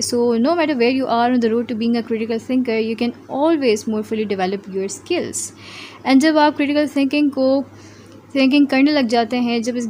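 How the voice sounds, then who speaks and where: Indian woman educator, highish voice, measured unhurried lecture delivery, faint noise behind. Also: darkish tone. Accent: Indian English. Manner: slow read-aloud English lines, quick Hindi explanations. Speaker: physiotherapy educator. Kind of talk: lecture mixing English and Hindi.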